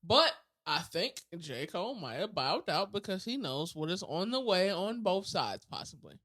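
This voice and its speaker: A man co-hosting a podcast in casual chat, speculating in a slow, drawn-out way. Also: sits high, big pitch swings, sharp tone. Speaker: podcast co-host.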